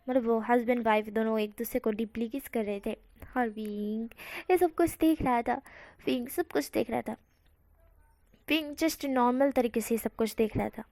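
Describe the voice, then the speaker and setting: A woman's voice: a little high, dark tone, dry recording, studio quality. A woman casually telling a fan-fiction story, dropping English words into her narration. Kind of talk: reading fan fiction aloud.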